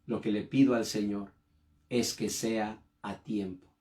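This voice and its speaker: A man preaching a sermon, telling a personal story with emotion and sudden rises in pitch and volume. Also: steady tone, measured pace, mellow. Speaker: pastor.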